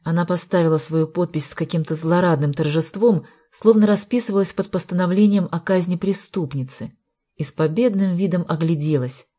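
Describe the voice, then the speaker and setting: A woman reading a novel aloud in an even, measured narration. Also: fairly low pitch. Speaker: audiobook narrator. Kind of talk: scripted narration.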